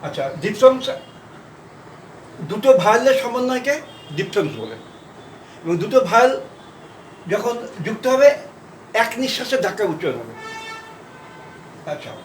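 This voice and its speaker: A man teaching a shorthand class, repeating words slowly and spelling out their letters. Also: high voice, very animated. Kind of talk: classroom lesson. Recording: roomy, distant, faint background noise.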